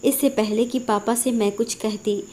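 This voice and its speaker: A woman's voice: on the high side, steady tone, moderate pace, warm tone. A woman narrating an emotional first-person Hindi story in an earnest, dramatic way.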